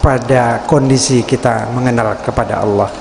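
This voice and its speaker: A man's voice: medium pitch, fairly even intonation, moderate pace. Man moderating in an echoey room. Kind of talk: moderating a religious discussion. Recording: echoey room with clear background hiss.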